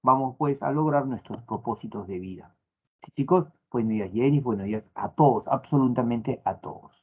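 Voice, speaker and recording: A man teaching an online class, repeating phrases and filling pauses with "a ver" and "estamos". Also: medium pitch, slightly rough. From Peru. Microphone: phone. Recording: tinny phone-like lo-fi audio.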